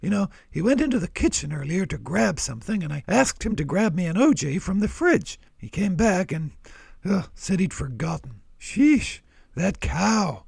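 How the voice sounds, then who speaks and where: A man voicing a friendly, curious male cow who talks in an excitable, gushing way. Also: high voice, normal speed, gravelly, slightly rough, dry recording, voice pushed up, exaggerated voice. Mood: complaining. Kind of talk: puppet-style kids' Bible show banter.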